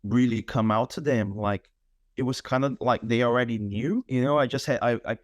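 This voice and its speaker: The speaker, a man in his thirties from Brazil who speaks Portuguese and works as a fitness instructor, talks casually and thoughtfully in an interview, with plenty of fillers. His mid-range voice moves at a moderate pace in a dry, clean studio recording.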